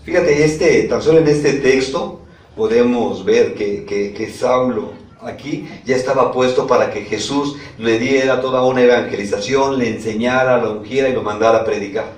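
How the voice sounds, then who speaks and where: A man's voice: medium pitch, moderate pace. A male pastor preaching a sermon, reading scripture aloud and often checking in with his congregation. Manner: reads scripture aloud and asks the congregation questions. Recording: echoey room, from a distance.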